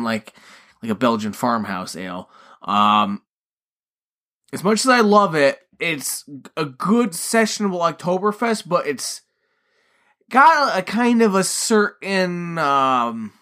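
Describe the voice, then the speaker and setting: A man's voice: a little high, a bit bright. A man co-hosting a podcast in casual chat, rambling and swearing freely as he talks. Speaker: podcast co-host.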